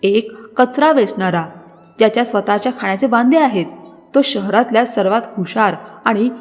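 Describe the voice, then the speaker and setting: A woman narrating a scripted story in a dramatic, expressive way. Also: on the high side, moderate pace. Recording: long reverb with background music.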